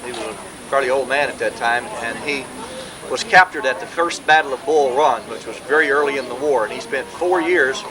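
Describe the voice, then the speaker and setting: A man, talking informally to relatives at a family gathering in a rambling way with many pauses, heard on an old VHS home video. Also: mid-range voice, crowd noise, rough recording. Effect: old VHS home video sound. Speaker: family historian speaking at a birthday gathering.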